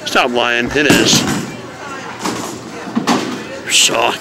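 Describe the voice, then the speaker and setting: A man's voice: medium pitch, fairly even intonation, extremely slow, very noisy. A young man vlogging and joking with friends on a phone camera in a bowling alley. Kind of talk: casual chat. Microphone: handheld phone camera.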